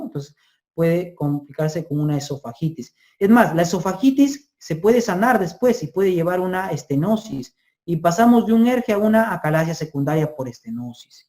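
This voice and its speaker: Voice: medium pitch, warm tone. A medical exam-prep lecturer who repeats key terms and keeps checking in with listeners. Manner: drills terms by repeating them, tags lines with 'ya?' and 'ojo'. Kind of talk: recorded lecture.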